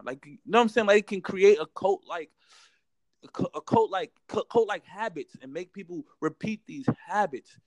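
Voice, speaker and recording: A man's voice: sits high, darkish tone, dry recording, rough recording. A young American man in a heated casual debate, emphatic and repetitive, full of slang and constantly saying bro.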